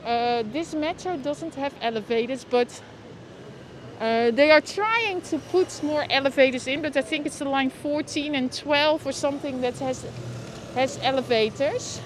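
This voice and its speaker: A woman with a Dutch accent and a voice that sits high talks unhurriedly while livestreaming a walking tour outdoors in the city. Her commentary is casual and chatty; she reacts to passing sights and names her viewers. She wears a lapel mic, and street noise runs in the background.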